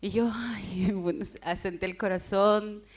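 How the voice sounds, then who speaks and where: A woman's voice: medium pitch, fairly even intonation, unhurried. Woman in her forties giving a vivid testimony. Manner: vivid storytelling that acts out quoted voices. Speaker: speaker giving a personal testimony. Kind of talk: emotional life testimony.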